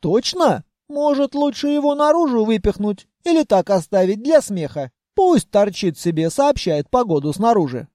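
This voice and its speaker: Guy doing a cheeky talking treasury vault, a she, high and jokey, bossy about guests. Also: sing-song, normal speed, hardly any pauses, warm tone, no room sound, studio quality. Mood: teasing. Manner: teasing, possessive. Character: chatty mischievous female living treasury vault.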